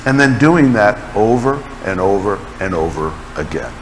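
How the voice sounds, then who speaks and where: A man preaching a sermon, telling stories with an animated delivery and dramatic pauses. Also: on the low side, long reverb tail, slight background noise, low-quality recording. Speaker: pastor.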